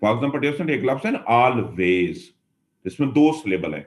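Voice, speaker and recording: A man's voice: medium pitch, expressive, slow pace. A man teaching English grammar in a classroom lecture, explaining patiently and repeating his points as he addresses his students. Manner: mixes Hindi and English mid-sentence.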